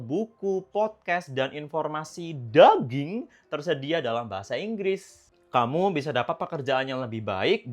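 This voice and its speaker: A young woman giving casual, chatty, encouraging English-learning tips in a vlog. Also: sits low. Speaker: English tutor vlogger.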